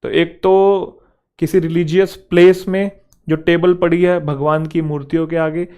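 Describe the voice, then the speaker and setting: A young man from Haryana with a Haryanvi touch in his speech, teaching an exam-prep vocabulary lesson in Hindi and reading English example sentences slowly and deliberately. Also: fairly high pitch, flat delivery, warm tone, smooth. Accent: Haryanvi-tinged Hindi and English. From Haryana, India.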